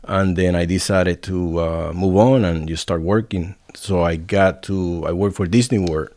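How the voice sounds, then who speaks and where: Low-voiced Puerto Rican man, modest and brief. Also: fairly even intonation, unhurried, darkish tone. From Puerto Rico. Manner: modest, brief answers, a bit nervous. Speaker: restaurant owner and chef, guest. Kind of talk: casual interview chat.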